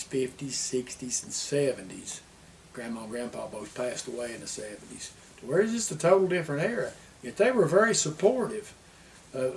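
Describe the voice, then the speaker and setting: A man's voice: medium pitch, a little mellow. Folksy Appalachian man reminiscing, porch-sitter storyteller. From Appalachian Tennessee, US. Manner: folksy, rambling, drops word endings. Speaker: interviewee sharing family history. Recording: distant mic with background noise.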